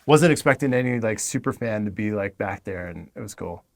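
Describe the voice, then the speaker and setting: A man's voice: fairly low pitch, animated, fairly quick, gravelly, no room sound. Laid-back man, dry close sound. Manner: laid-back, peppers speech with "like". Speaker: podcast guest. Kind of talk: casual chat.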